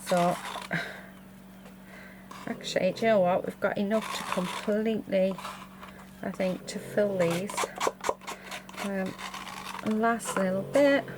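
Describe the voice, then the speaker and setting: A woman's voice: medium pitch, slow, pauses often. A British woman casually chatting and thinking aloud as she demonstrates a craft, in the manner of a hands-on vlogger. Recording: clear background noise. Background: printer running in the background in part.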